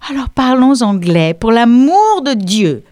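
A woman voicing a flustered English lady who speaks halting, broken French in an audiobook reading. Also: on the high side, very animated, mellow, no room sound, studio quality, voice pushed up.

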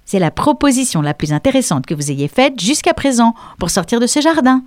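A woman's voice: mid-range voice, lively intonation, moderate pace, a little mellow, no room sound, clean studio sound, close to an everyday voice. A woman voicing a precocious, self-assured English schoolgirl who speaks in a prim, articulate way, in an audiobook reading.

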